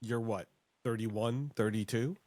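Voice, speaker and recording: A man hosting a podcast in casual, joking chat with quick asides. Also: medium pitch, fairly even intonation, darkish tone, dry recording, clean studio sound. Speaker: podcast host.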